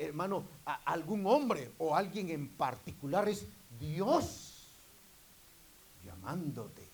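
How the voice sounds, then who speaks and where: A man preaching a sermon to his congregation, repeatedly calling out to them and rising into loud, emphatic bursts. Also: a little high, low-quality recording.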